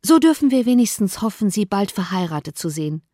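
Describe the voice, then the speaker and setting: Frau spricht eine schlagfertige junge frau, eindringlich und ernst, im hörbuch. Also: female voice, mid-range voice, sing-song, brisk, dark tone, no echo, studio quality. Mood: urgent. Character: quick-witted, urgent young woman. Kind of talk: audiobook reading.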